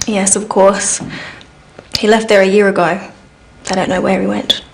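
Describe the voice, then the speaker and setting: A young businesswoman in her twenties, played by a woman in a scripted English-learning drama. She speaks in a plain, measured and earnest way, with a voice of middling pitch. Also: flat delivery, vocal fry, close to an everyday voice. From Singapore. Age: 20s. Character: young Singaporean businesswoman searching for her brother. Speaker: client.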